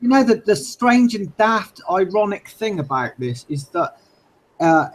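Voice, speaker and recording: A man's voice: high-pitched, big pitch swings, measured pace, low-quality recording. A man from the UK co-hosting a casual podcast discussion, thoughtful and hedging with fillers. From United Kingdom. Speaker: podcast co-host.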